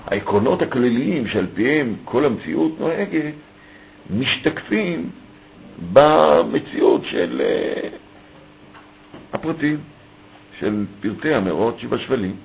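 A man's voice: medium pitch, very animated, creaky, pauses often, a little hiss or hum. A man teaching a text study lesson, reading a passage aloud and then explaining it phrase by phrase. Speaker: Torah teacher. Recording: thin phone-like audio with faint ambience.

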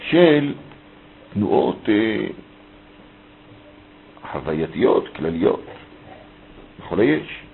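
Lower-voiced man teaching over thin audio. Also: sing-song, creaky, long pauses, slight background noise. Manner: reads a passage aloud, then explains it phrase by phrase. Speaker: Torah teacher. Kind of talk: text study lesson. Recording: thin phone-like audio with faint ambience.

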